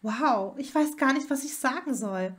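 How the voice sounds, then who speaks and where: Frau als aufgeregte junge Hexe. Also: female voice, sits high, lively intonation, normal speed. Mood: excited. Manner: eager, surprised. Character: excited young witch, schoolgirl. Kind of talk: fan fiction audiobook reading.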